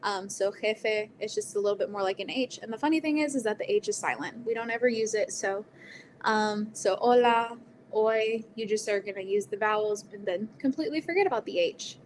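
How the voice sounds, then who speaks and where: Teaching Spanish basics online, a woman talks through pronunciation informally, sprinkling in frequent ums, likes and laughter. She has a mid-range voice and talks fast, with a little hiss or hum in the audio.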